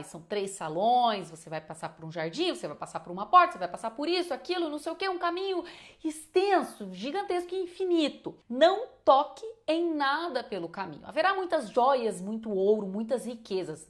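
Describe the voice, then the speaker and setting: A woman voicing a scheming male sorcerer who gives slow, deep, commanding orders in a storybook retelling. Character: scheming sorcerer posing as an uncle.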